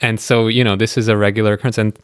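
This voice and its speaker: A man's voice: lowish voice, little pitch movement, very fast, clear, resonant tone, dry recording, clean studio sound. A man hosting a podcast, talking in a friendly, rambling way with frequent hesitations. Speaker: podcast host. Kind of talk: casual conversation.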